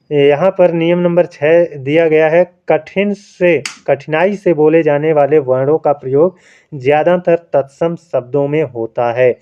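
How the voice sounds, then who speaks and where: A man's voice: a little high, dark tone, clear, resonant tone, dull audio. A man teaching a lesson for exam preparation. He keeps asking rhetorical questions and often adds "right, friends?". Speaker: Hindi teacher.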